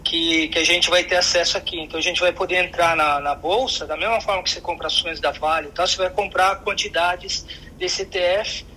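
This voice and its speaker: A man's voice: sits high, steady tone, brisk, pushed and bright, a little hiss or hum, rough recording. A man commenting in casual chat, hesitant and restarting mid-thought. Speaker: guest commentator.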